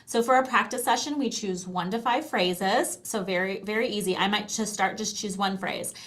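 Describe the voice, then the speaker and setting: Casual and upbeat, a middle-aged American woman explains a language program as presenter and guest in a product demo, chatting encouragingly. She speaks at normal speed in a mid-range voice that sounds a bit bright.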